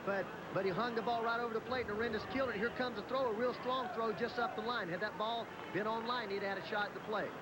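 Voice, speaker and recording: A man's voice: high-pitched, fairly even intonation, fast, hardly any pauses, heavy background noise. A man giving analysis as a color commentator on live baseball. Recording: loud crowd at outdoor stadium. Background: loud crowd.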